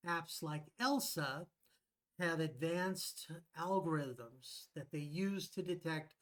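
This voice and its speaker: Slow, deliberate male English professor. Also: a little high, lively intonation. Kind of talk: scripted video lesson.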